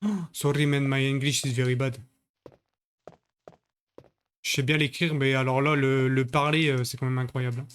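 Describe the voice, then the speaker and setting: A man's voice: mid-range voice, little pitch movement, moderate pace, long pauses, a bit bright, smooth. A man streaming a video game live, chatting with his viewers in crude, joking banter. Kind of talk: live-stream gaming commentary.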